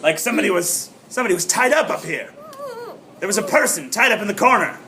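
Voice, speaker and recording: A man's voice: sits high, animated, fast, crowd noise. A man playing a wry, unflappable private eye who narrates his case in short, clipped noir sentences in an improvised audio drama. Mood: narrating.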